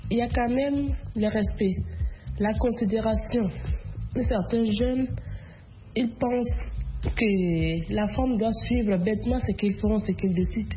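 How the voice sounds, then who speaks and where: A woman in her twenties calling in to a radio show, speaking slowly and reflectively with many hesitations. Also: medium pitch, muffled recording. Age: 20s. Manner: slow, reflective, frequent hesitations. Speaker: radio caller. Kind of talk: casual call-in opinion.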